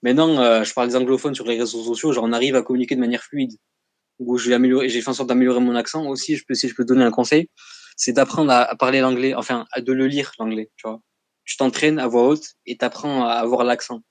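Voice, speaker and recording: A young man who is a guest in a casual chat, speaking in a slangy, chatty and animated way. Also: medium pitch, fast talker, no echo. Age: young adult.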